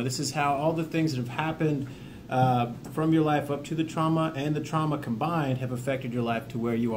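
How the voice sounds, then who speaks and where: A veteran who hosts a self-help video series speaks to camera at a medium pitch against a noisy background. Reading partly from notes, he gives plainspoken, informal instructions meant to encourage his viewers.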